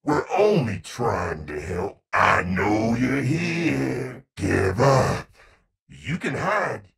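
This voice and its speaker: An actor voicing a menacing, brash animatronic alligator rock star in a video game, with a gravelly growl and theatrical, taunting delivery. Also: male voice, medium pitch, fairly bright tone, distant mic, heavily acted. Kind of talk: video game character voice lines.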